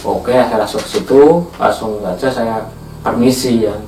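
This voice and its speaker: A man's voice: mid-range voice, steady tone, unhurried, a little mellow, recorded from a distance, slight background noise. Chatty man telling a horror story. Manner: chatty, addresses listeners as guys. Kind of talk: casual horror story narration. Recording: echoey room, off-mic, music behind.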